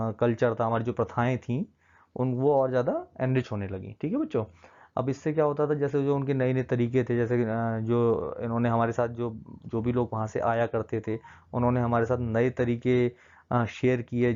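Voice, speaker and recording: A man's voice: medium pitch, dark tone. A male teacher giving a recorded classroom lecture to children, walking through a map and often checking in with them, mixing English terms into his explanations. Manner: coaxing, keeps checking in with the children. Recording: dull lo-fi sound.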